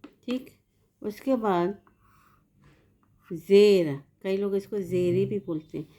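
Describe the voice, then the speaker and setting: A woman's voice: mid-range voice, slow pace, warm tone. A woman teaching as a language teacher, going patiently through words one at a time and giving the meaning of each. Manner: patient, explains word by word with meanings. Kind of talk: slow spoken lesson.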